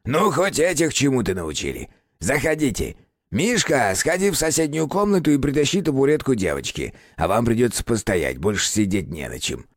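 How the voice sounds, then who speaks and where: Creaky grumpy house spirit, a man doing it. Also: medium pitch, big pitch swings, normal speed, no room sound, studio quality, pitched above the performer's own voice. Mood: grumbling. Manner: grumbling, irritable.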